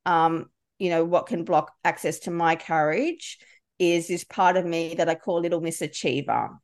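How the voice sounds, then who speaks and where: Candid middle-aged woman coach, lowish voice. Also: moderate pace. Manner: candid, storytelling, frequent restarts. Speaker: leadership coach. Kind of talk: podcast interview answer.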